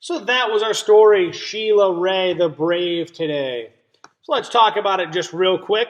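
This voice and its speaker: In this children's read-aloud, a male teacher with a high-pitched voice works through a picture book at a measured pace, explaining and questioning his young audience. The recording's highs are cut off.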